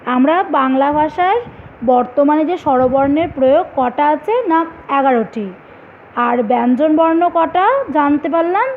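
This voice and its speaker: A woman's voice: sits high, lively intonation, measured pace. A woman teacher, patiently explaining a grammar lesson to young children step by step, with examples and questions. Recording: tinny phone-like audio with faint hiss.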